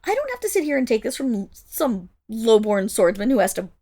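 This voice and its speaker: Here the same noble wolf monstergirl, played by a woman in an ASMR roleplay, scorns the listener directly in a mellow, slightly high voice. She talks briskly with big swings in pitch, sounding indignant and mocking.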